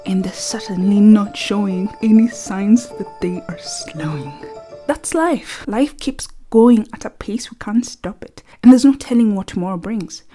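In a mid-range voice, a woman narrates a scripted video essay with an earnest, reflective tone, often speaking softly and breathily.

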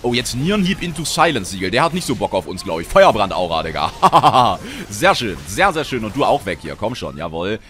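Excitable young German gamer, lively pitch. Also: male voice, fast talker, few pauses, slight background noise. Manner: excitable, swearing, frustrated outbursts. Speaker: gaming commentator. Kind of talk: live Let's Play commentary.

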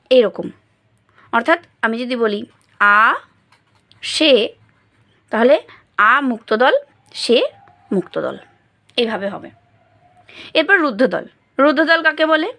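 High-voiced woman teaching a class. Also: fairly bright tone. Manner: patient, explaining step by step, sounding out syllables. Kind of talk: classroom grammar lesson.

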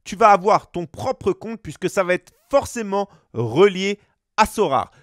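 A man's voice: high voice, a little slow, no room sound, clean studio sound. A man hosting a casual screen-share tutorial, chatting straight to the viewer with frequent fillers. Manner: chatty, lively, addresses viewer directly with many fillers. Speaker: YouTube host.

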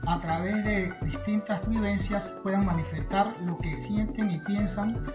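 A man in his fifties from Panama, a student and librarian, introducing himself in a formal, measured way. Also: sits high, fairly even intonation. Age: 50s. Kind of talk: class video self-introduction. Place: room indoors with plain wall. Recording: background music.

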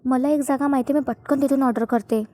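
A woman's voice: high-pitched, steady tone, brisk, mellow, lightly acted. A woman voicing a scheming young daughter-in-law in a TV drama recap, who puts on a falsely sweet, defensive tone. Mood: fake sweet.

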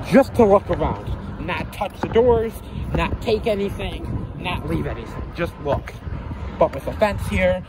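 A man walking outdoors along a fence, talking casually to his phone camera in a rambling way, often restarting his sentences. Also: high-pitched. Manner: rambling, repeats himself, frequent restarts. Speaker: vlogger exploring closed stores. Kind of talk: casual filmed walkaround commentary. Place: outdoors by a fenced empty parking lot near busy road. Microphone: phone camera held by the speaker. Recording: phone video with loud traffic noise. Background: passing traffic.

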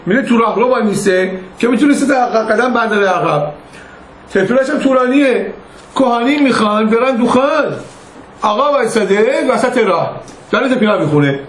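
An older man, a rabbi, giving an informal religious lesson in a conversational way, telling stories and acting out their dialogue. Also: high voice. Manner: conversational, anecdotal, acts out quoted dialogue. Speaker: rabbi teaching a class. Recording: echoey room with faint noise.

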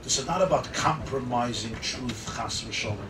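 A middle-aged man, a rabbi, preaching emphatically to a gathering with rhetorical repetition, dramatic pauses and Hebrew and Yiddish terms mixed into his English. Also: medium pitch. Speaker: rabbi giving a talk. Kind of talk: impassioned sermon to a gathering. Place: makeshift sukkah hall with seated gathering. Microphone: table microphone on a stand. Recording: roomy, distant mic, clear background noise. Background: noisy room ambience.

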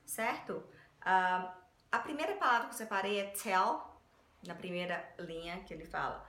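A woman's voice: medium pitch, pushed and bright. A woman teaching English pronunciation in a casual video lesson, upbeat and explaining step by step with frequent checks on her listeners. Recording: echoey room.

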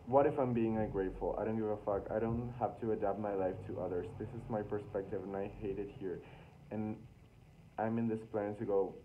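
A young man casually reading his own diary aloud with embarrassed, self-mocking asides, like a vlogger talking to the camera. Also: fairly low pitch. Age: young adult, early twenties. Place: small room indoors. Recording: thin phone-like sound with loud noise.

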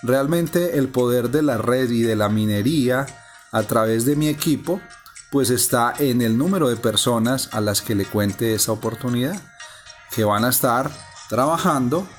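Over soft background music, a man narrates a casual walkthrough of a phone game as a voice-over on a screen recording. His mid-range voice moves at a moderate pace as he explains each step in a calm, methodical way.

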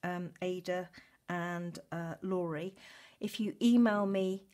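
A woman's voice: fairly low pitch, steady tone, takes it slowly, darkish tone. A woman hosting a craft channel, chattily announcing giveaway prize winners in an informal, self-mocking and gushingly thankful way. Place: indoors at a craft table.

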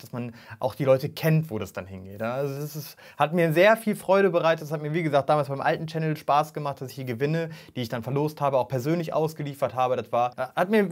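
A man in his thirties speaks casually to camera as a video host. His voice sits slightly higher than average. He is informal and chatty, dropping in little tag questions as he goes. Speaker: YouTube host. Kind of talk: casual vlog talk to camera. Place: small furnished home studio room.

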